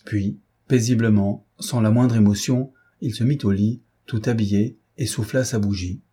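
A man narrating a novel as an audiobook in a measured, dramatic way. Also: on the low side, fairly even intonation, dark tone, husky.

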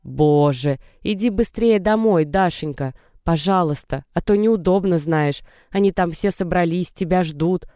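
A man's voice: high-pitched, unhurried, few pauses, mellow, clear, resonant tone, no room sound, clean studio sound. A man reading the lines of an anxious middle-aged mother who lectures and coaxes her daughter over the phone. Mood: coaxing. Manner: coaxing, insistent, lecturing.

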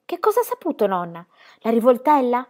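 A woman reading aloud and voicing a lively, curious young girl who asks eager questions. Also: fairly high pitch, fairly quick, voice pushed up.

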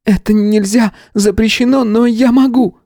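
A woman's voice: a little high, steady tone, normal speed, dark tone, dry recording, clean studio sound, voice pushed up, close to an everyday voice. A man voicing a young woman who is a witch, giving urgent, clipped orders in an audiobook. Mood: desperate.

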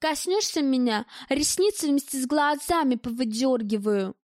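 A sardonic, sharp-tongued woman, put on by an audiobook reader who meets everything with venom and gloomy scorn. The voice sits high and bright. The recording is close and dry. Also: moderate pace, no echo, lightly acted. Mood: scornful. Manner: biting, scornful, pessimistic. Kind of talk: audiobook reading.

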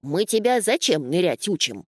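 A woman voicing a gruff, fussy male beaver who scolds and grumbles. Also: lowish voice, very animated, moderate pace, dry recording, studio quality.

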